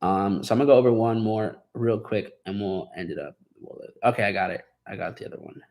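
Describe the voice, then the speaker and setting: A man's voice: on the low side, a little fast, a little mellow. A man hosting a live Q&A on trading, casually encouraging his students and talking through their journals with lots of fillers and restarts. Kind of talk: casual live-stream talk.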